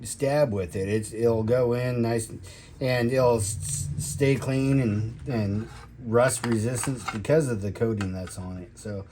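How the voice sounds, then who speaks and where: Male reviewer, mid-pitched, slow and rambling, halting casual delivery with faint background noise. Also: mellow. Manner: halting, drawn-out delivery with trailing phrases. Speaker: product reviewer, military veteran.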